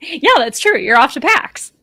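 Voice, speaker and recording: Lively, expressive woman co-host. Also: high-pitched, measured pace. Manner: chatty, laughs easily. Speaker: podcast co-host. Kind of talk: casual live-stream chat.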